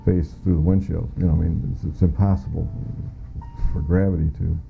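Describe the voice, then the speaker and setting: Over background music, a former air traffic controller offers his witness account in an interview, brisk and plain-spoken. The middle-aged American's voice sits low with vocal fry and barely shifts in pitch. Audio is muffled and lo-fi.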